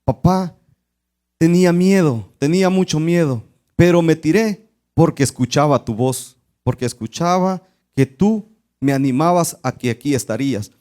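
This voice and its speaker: A man's voice: a little high, moderate pace, warm tone, natural voice. A man voicing a frightened little boy of about five, pleading and calling out. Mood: relieved.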